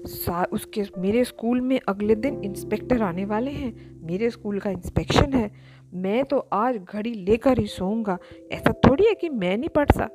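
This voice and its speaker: A woman's voice: on the high side, animated, moderate pace, music in the background, close to an everyday voice. Woman doing a sulky stubborn little boy. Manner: whiny, pleading.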